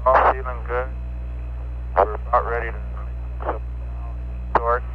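A male astronaut gives short, clipped status reports to mission control in air-to-ground radio traffic. His mid-range voice barely moves in pitch and comes slowly, heard through a muffled, crackly spacecraft link with faint static.

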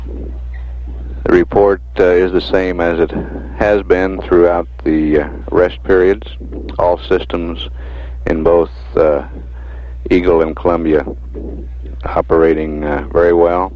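Deep-voiced man over a radio transmission. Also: little pitch movement. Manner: measured, with frequent hesitant fillers. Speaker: mission control commentator. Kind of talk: live mission status commentary. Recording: muffled archival radio recording.

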